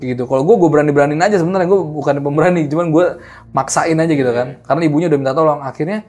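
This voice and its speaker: A young man casually tells a horror story in a lively, slangy way. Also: fairly high pitch, racing, soft background music. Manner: animated, acts out the people in his story, slangy. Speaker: guest storyteller.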